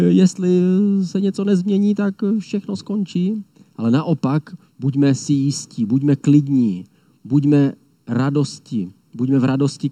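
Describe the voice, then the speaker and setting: Earnest preacher with a deep, mellow voice. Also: male voice, no room sound. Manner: earnest, measured, repeats phrases. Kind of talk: sermon.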